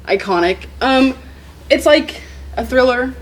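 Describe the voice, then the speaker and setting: A woman's voice: high voice, animated, unhurried, over a noisy crowd, poor audio. A woman librarian co-hosting a casual book chat, rambling and chatty with lots of "like". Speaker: librarian and podcast co-host.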